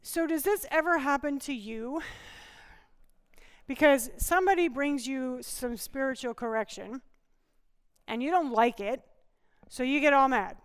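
A woman's voice: high-pitched, unhurried, long pauses, long reverb tail. A woman preaching a conversational sermon with humor, often asking the congregation questions.

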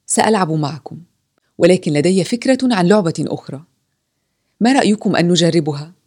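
A woman's voice: lowish voice, expressive, brisk, a little mellow. A woman voicing a hopeful, determined young woman who coaxes children into a game, in a storybook reading. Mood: coaxing. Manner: coaxing, encouraging.

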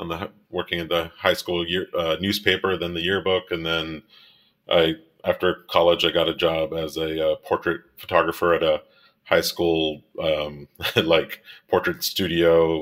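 A man in his thirties from Miami talks as a guest about his photography and directing work. His voice sits very low and deep, and he rambles loosely, with lots of fillers and restarts. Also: fairly bright tone. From Miami, United States. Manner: rambling, many fillers and restarts, laughs easily. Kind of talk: casual interview conversation.

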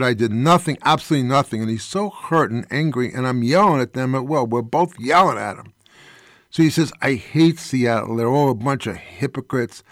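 A man's voice: mid-range voice, fairly bright tone, no echo, clean studio sound. An older man reading his own personal essay aloud, telling a story in an impassioned, indignant way.

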